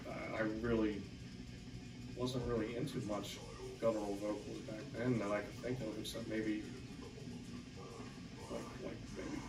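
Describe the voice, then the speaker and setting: Brief: low, monotone male vocalist, far from mic, music playing behind. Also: measured pace, pauses often, echoey room. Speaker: band vocalist. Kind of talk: casual interview.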